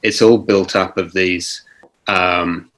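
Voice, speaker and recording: Low-voiced guy on a video call panel, thinks out loud, lots of ums and restarts. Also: fairly even intonation. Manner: thoughtful, halting, many pauses and restarts. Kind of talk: online panel discussion.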